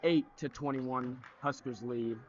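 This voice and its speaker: A teenage male student calling a high school basketball game play by play, excitable and prone to cheering. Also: unhurried. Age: teens. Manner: excitable, breaks into loud cheering. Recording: dull lo-fi webcast audio with faint gym noise.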